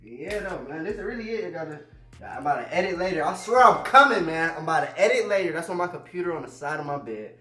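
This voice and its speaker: With a slightly high, sharp voice, big pitch swings and a fast pace, a twenty-something American vlogger gives a slangy, casual tour of a small empty apartment, repeating phrases for emphasis. He's recorded from a distance, off-mic, by a handheld camera a few steps away; the room echoes and music plays.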